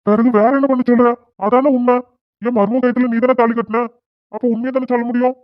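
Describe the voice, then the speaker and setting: A man's voice: very high voice, flat delivery, fast talker, no room sound. A man voicing a scolding middle-aged father who presses his son with questions in a cartoon, with a thin, phone-like sound. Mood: insistent. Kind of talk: cartoon voice acting. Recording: dry, phone-like narrow sound.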